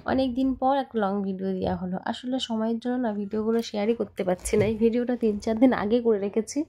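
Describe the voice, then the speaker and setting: A young woman talking fast and freely in a home vlog voice-over. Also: a little high, steady tone, mellow. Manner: fast, chatty, talks a lot. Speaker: vlogger. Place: home, voice recorded later as voice-over.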